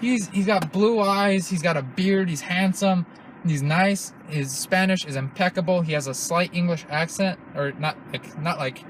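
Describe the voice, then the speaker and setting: Speaking at a moderate pace in a voice that sits high, a young man hosts a podcast, chatting loosely with swearing and frequent restarts. The audio is poor, with slight background noise.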